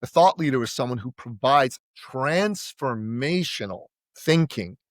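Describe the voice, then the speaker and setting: A man's voice: medium pitch, animated, measured pace, no echo, clean studio sound. A middle-aged man from Iran, a podcast guest, telling his family's story in an emphatic, orator-like way. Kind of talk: impassioned storytelling.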